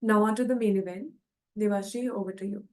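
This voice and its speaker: A woman's voice: mid-range voice, steady tone, fast, a little mellow. Woman host reading a formal introduction. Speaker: event host introducing the speaker. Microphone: online call.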